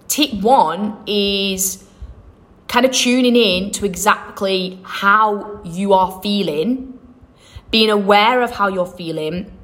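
A young woman hosting a self-help podcast, talking in an upbeat, encouraging way, rambling and correcting herself as she goes. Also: medium pitch. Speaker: podcast host.

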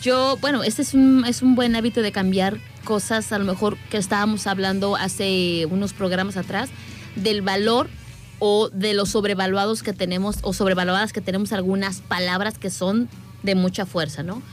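A woman co-hosting a show, talkative and animated as she tells a story. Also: medium pitch, moderate pace, soft background music. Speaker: co-host. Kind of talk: casual chat.

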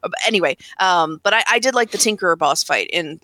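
A woman talks games on a podcast in a bright, forceful voice. She rushes through thoughts, restarting sentences and dropping "like" all over. The sound is close and dry. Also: lowish voice, expressive, dry recording. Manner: rapid, full of "like" fillers and restarts. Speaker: podcast panelist. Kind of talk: casual chat about video games.

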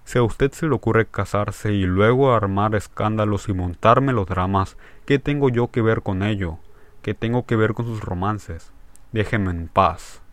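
An embittered country doctor lashes out with scorn, stressing every word, in a storybook reading, as a male narrator voices him. The voice is low and the recording dry. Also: a little slow, no room sound, close to an everyday voice. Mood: bitter anger. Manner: harsh, emphatic, scornful. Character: bitter, grieving country doctor, angry and scornful.

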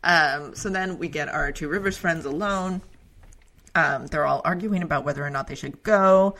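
A woman co-hosting a podcast, recapping an episode in casual chat, animated, laughing often and full of "like" and "um". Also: deep voice, normal speed. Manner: animated, acts out character lines in exaggerated voices. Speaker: podcast co-host.

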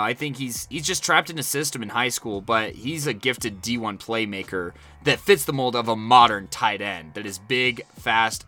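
A man's voice: lowish voice, pushed and bright. An American man giving casual sports analysis as a co-host, talking discursively and piling up points.

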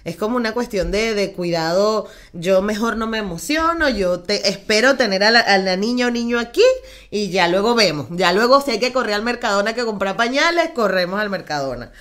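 A woman hosts a relaxed conversation, asking eager questions and reacting quickly. Her pitch moves a great deal as she talks. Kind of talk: casual chat.

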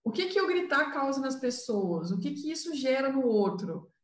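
Brazilian woman consultant, higher voice, explains patiently, roomy echo. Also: big pitch swings, moderate pace. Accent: Brazilian Portuguese. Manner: explanatory, uses filler "né". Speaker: communication consultant. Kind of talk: casual live chat.

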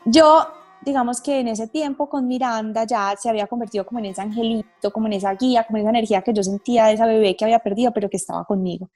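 A woman's voice: on the high side, fairly even intonation, a little mellow, soft background music. Earnest woman telling her story. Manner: earnest, with many fillers and slowed pauses. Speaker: guest, wellness therapist and mother. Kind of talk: personal storytelling.

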